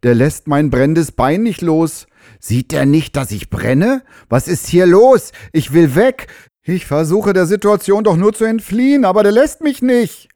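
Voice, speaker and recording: A man's voice: high-pitched, animated, a little slow, dark tone, no echo, clean studio sound, pitched above the performer's own voice. A man voicing a panicked young horse at its first shoeing, speaking its frantic, pleading thoughts. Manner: frantic, pleading inner monologue.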